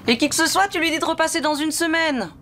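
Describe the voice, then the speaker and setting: A woman in film dialogue who speaks quickly and briskly to her partner. Her voice sits high and her lines come at a fast clip, with a faint background hum. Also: fairly bright tone.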